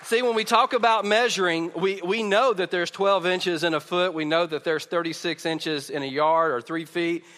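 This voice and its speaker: A man's voice: high voice, fairly even intonation, normal speed, few pauses, fairly bright tone, a faint crowd. A man preaching conversationally at a pulpit microphone, informal, often stammering over the starts of his phrases. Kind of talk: conversational sermon to a congregation. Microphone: pulpit or stage microphone over PA. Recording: echoey hall with long reverb.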